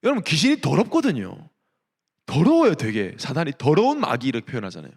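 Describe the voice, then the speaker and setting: A pastor whose voice sits high delivers a sermon to young adults in a church sanctuary, a long reverb tail trailing his words. He tells stories with animation and fires off rhetorical questions.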